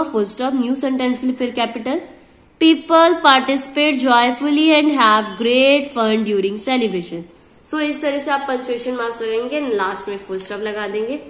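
A woman's voice: on the high side, echoey room. Indian woman teaching an English lesson. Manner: slow, drawn-out dictation of words and sentences; spells words letter by letter. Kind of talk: classroom lesson explanation.

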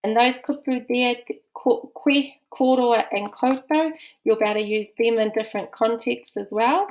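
A woman with a New Zealand accent leads a recorded course lesson. Her voice sits a little high, and she explains patiently, one point at a time. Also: moderate pace. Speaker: language teacher.

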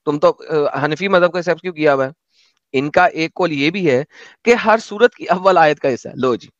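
A man's voice: a little high, a bit bright, no room sound. A man hosting a casual chat, reading a text aloud and breaking in with sarcastic, mocking asides. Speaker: host. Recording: dull dry lo-fi audio.

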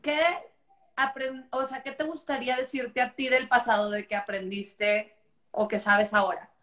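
A woman's voice: on the high side, little pitch movement, moderate pace, a bit bright. A woman with a Mexican accent, hosting a casual video chat and asking encouraging questions. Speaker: host, interviewer. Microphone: video call.

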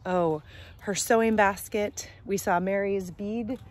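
A woman in her forties talks slowly in a steady, mid-range voice while filming herself on a phone at arm's length on a sunny farm. Hosting a casual travel vlog, she keeps the chat upbeat and sprinkled with fillers.

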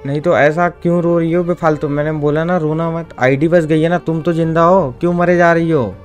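Scolding young man, higher voice. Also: steady tone, fairly quick, soft background music. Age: young adult. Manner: scolding, repeats "bhai" and "yaar". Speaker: gaming vlogger. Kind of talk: casual scolding chat on a call.

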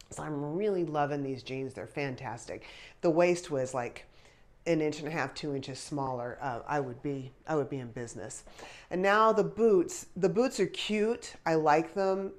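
This try-on vlogger, aged in her 50s, has a low, somewhat mellow voice that's a bit blocked up from congestion. She chats and thinks aloud with light laughs while unboxing clothes and trying them on in a small pink bedroom, recorded on a clip-on lapel mic.

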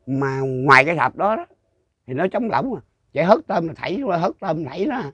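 A man's voice: on the high side, very animated, brisk, a bit bright, slightly rough, no room sound, muffled recording. An older man with a Southern Vietnamese accent telling a folk ghost story in a rambling, repetitive way, full of restarts. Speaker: storyteller interviewee.

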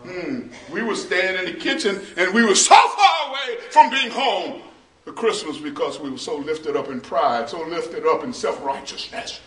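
A middle-aged male pastor preaching a sermon in a small church. He preaches slowly and builds to shouting, half-sung peaks. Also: high-pitched, lively intonation. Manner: slow, preachy, rises to shouting and half-singing. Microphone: far camera, no mic seen. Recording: roomy church echo from far off.

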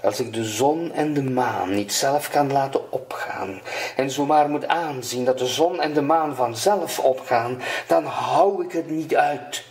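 A man's voice: medium pitch, unhurried, darkish tone, echoey room, close to an everyday voice. A man voicing a greedy, domineering fisherman's wife who gives orders. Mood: imperious. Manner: bossy, demanding.

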